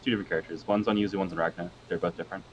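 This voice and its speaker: A man's voice: low voice, fairly even intonation, racing, a little hiss or hum. A man co-commentating a card game match, analytical with dry jokes, heard over a weak, lo-fi connection. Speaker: co-caster. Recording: dull lo-fi sound from a weak connection.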